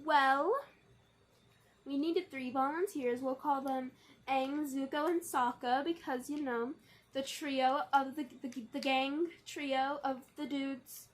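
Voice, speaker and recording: A young woman chatting playfully to camera as a vlogger, full of quick asides and jokes, swinging between lively bursts and low, mumbled stretches. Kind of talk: casual chat to camera.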